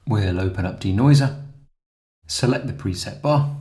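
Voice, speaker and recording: Calm man narrating a software tutorial. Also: lowish voice, moderate pace, echoey room.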